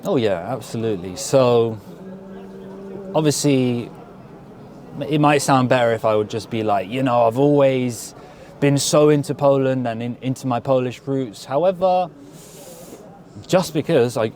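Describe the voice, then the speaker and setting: A man who grew up in England, speaking with an English accent, is interviewed casually outdoors at a street event. His medium-pitched, darkish voice is a little slow with frequent pauses, and he sounds reflective and earnest, repeating words as he thinks; there's a little hiss or hum.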